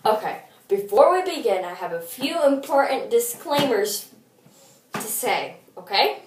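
Young woman, high voice, bathroom echo. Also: expressive, a little slow, noisy background. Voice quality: voice echoing off bathroom walls. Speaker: toy unboxing video host. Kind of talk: casual, jokey unboxing chat. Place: small indoor bathroom. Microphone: built-in tablet microphone. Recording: bathroom echo, amateur tablet recording.

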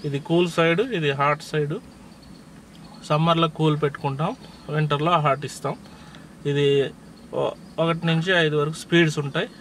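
A man's voice: on the high side, a little hiss or hum. A man with a Telugu accent patiently explains car controls step by step from inside a parked car, recorded on a handheld phone. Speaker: driving instructor. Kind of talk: casual how-to explanation.

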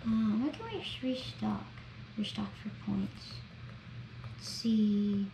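A woman talking through a video game as she plays, chatty and excitable, narrating each step. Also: medium pitch, slow pace. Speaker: gameplay vlogger. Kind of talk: gameplay commentary. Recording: roomy echo, faint background noise.

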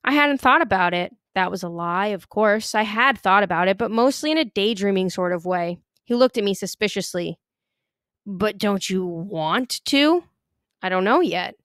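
A woman reading a first-person novel aloud in an even, measured storytelling manner. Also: mid-range voice, clear, resonant tone, no room sound, studio quality. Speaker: audiobook reader.

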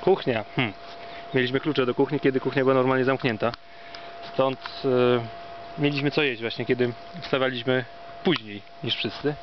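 Polish male, mid-pitched, wry mock-formal tour guide reminiscing casually; dull outdoor sound with clear background noise. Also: steady tone, moderate pace. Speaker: vlogger giving an on-site tour. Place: outdoors at a former campsite. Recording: dull lo-fi outdoor recording, loud ambient noise.

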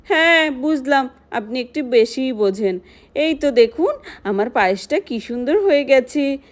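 High-voiced woman voicing dolls. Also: lively intonation, a little slow. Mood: bickering. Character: Julie, a young woman, a sister-in-law who likes to bicker. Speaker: doll-play storyteller. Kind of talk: doll-play storytelling with character voices.

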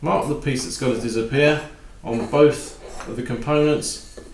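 A man giving a calm, practical woodworking tutorial while he works at a bench in his home workshop. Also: mid-range voice, normal speed, reverberant, background noise. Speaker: woodworking instructor.

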